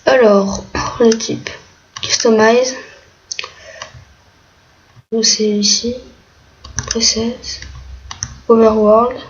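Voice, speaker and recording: A woman's voice: fairly high pitch, steady tone, drawn-out words, pauses often. A woman giving casual, hesitant commentary while playing a game, with many fillers. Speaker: gaming video creator. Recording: muffled lo-fi mic, faint noise, keyboard clicks.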